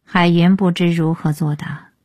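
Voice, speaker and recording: A woman narrating a novel for a radio audiobook in a measured, close storytelling manner. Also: fairly low pitch, steady tone, darkish tone, no room sound. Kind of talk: scripted novel reading.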